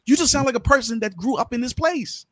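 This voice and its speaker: A man's voice: very high-pitched, fast talker, fairly bright tone. A man with a Bermudian accent co-hosting a talk show, speaking emphatically and casually as he argues his views, repeating words for stress. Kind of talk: casual opinionated discussion.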